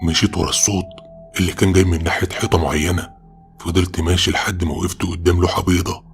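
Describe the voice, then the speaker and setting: Man, Egyptian Arabic accent, deep low voice, horror storyteller, dramatic scripted narration. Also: level tone, very fast, soft background music.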